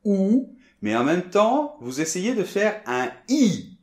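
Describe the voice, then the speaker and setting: A French man teaches pronunciation, breaking sounds apart and repeating them slowly for learners. His pitch swings widely as he demonstrates. The room around him is echoey. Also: sing-song, darkish tone.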